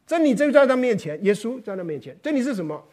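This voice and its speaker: A man preaching an expository sermon. He is animated and often acts out the voices he quotes. He repeats words and sometimes drops to a hushed, low voice for emphasis. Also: quick pace.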